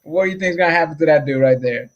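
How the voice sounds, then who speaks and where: An upbeat man hosting a loose comedy chat, quizzing his guests. His voice sits notably high for a man. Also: racing, highs cut off, very noisy. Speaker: host. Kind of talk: casual chat.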